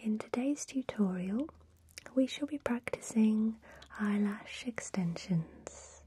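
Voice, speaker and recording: A woman speaking in a soft, breathy whisper, giving a calm ASMR tutorial as a spa technician. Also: medium pitch, a little hiss or hum.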